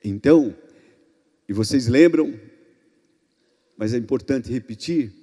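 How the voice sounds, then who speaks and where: A Brazilian pastor preaching a sermon in an emphatic way, swinging between loud outbursts and hushed passages. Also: male voice, medium pitch, slow pace. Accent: Brazilian Portuguese. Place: church hall. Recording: long reverb in a church hall.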